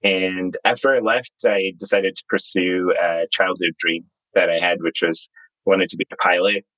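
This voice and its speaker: A Zimbabwe-born man in his thirties, a startup founder, tells his life story in a candid, relaxed way. His voice is very low and recorded close and dry. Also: moderate pace, no room sound, lo-fi sound. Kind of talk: interview guest, storytelling.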